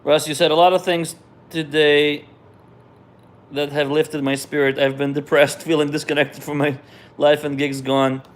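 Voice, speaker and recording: Reading out questions from viewers, this middle-aged musician from Israel, a native Russian speaker, responds casually and conversationally, frequently breaking off and restarting. His voice sits a little high, at a normal speed.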